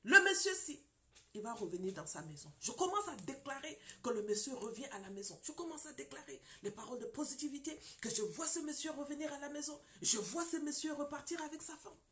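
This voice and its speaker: A woman's voice: high voice, expressive, fairly quick. A woman pastor giving an emphatic sermon testimony, telling a story with acted quotes and at times dropping to a whisper. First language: French-speaking, broken English. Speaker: pastor and marriage counselor.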